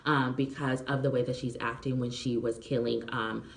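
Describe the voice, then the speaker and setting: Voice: medium pitch, little pitch movement, moderate pace, vocal fry. A movie reviewer casually explaining a plot, rambling with lots of fillers and checking whether the listener is following. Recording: roomy echo.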